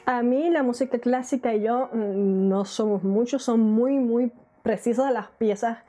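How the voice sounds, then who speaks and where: A woman's voice: a little high, dark tone. A married woman vlogging casually to her viewers, chatty and full of questions, laughing now and then. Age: adult, married. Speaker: YouTube vlogger. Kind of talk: casual chat to camera.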